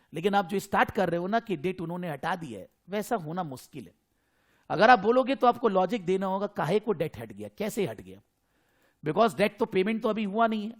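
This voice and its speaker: A man with an Indian accent teaching an accounting class, explaining in a mix of Hindi and English. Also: sits high. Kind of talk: online class lecture.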